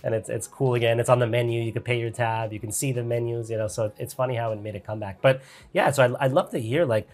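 A man's voice: mid-range voice, steady tone, quick pace, darkish tone. A man in his thirties hosting a casual interview over a headset on a video call. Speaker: podcast host. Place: home studio room.

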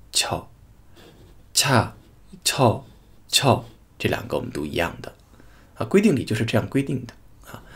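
Husky-voiced man teaching pronunciation. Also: on the low side. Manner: repeats each sound twice, slow drawn-out demonstrations. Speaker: language teacher. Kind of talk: pronunciation lesson.

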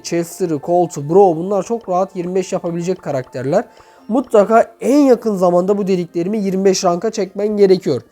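Young man, high-pitched voice, echoey room, informal gaming commentary, chatty host, music in the background. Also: warm tone. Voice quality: echoey, reverberant room sound. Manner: informal, chatty, addresses viewers as friends. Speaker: YouTube game channel host. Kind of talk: casual gaming commentary, reviewing player profiles. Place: bedroom with items cleared out, indoors. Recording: echoey emptied room, faint music behind.

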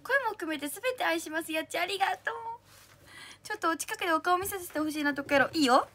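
A young woman with a slightly husky, strained throat, hosting a livestream in a bubbly, cutesy way, reading out and thanking commenters. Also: extremely high pitch, fast, pushed and bright. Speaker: idol livestream host.

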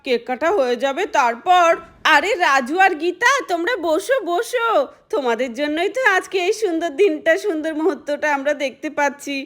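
A woman's voice: high voice, expressive, fairly quick, fairly bright tone. A woman voicing a friendly village mother hosting a party in a doll story, welcoming and coaxing.

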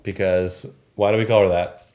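A young father with a very low voice reads out viewer questions and answers them in an easygoing, casual chat with his partner. He often pauses with small fillers before going on. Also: flat delivery, a little mellow, slight background noise. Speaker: co-host, new father.

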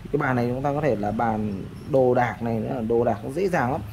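A man's voice: mid-range voice, quick pace, creaky, darkish tone, slight background noise. Chatty man explaining a plan while drawing. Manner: chatty, many fillers and repeated "đó". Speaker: architect explaining a design.

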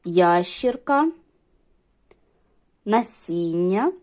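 Slow, patient woman teaching children. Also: lowish voice, animated, a little mellow. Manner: slow, patient, explaining step by step. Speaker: primary school teacher. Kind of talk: classroom lesson for young children.

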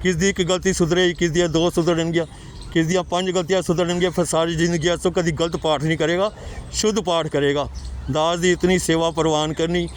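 A man giving an earnest devotional lesson on correct scripture pronunciation, chanting verses slowly and correcting common mistakes. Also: fairly high pitch, fairly even intonation, slight background noise. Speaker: Gurbani pronunciation teacher. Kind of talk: devotional teaching talk.

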